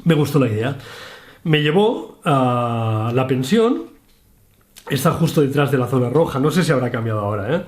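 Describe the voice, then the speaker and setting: A man's voice: medium pitch, expressive, moderate pace. A man from Spain, telling an anecdote about his first solo trip in a casual, self-mocking way, with many restarts. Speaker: travel vlogger. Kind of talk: casual storytelling.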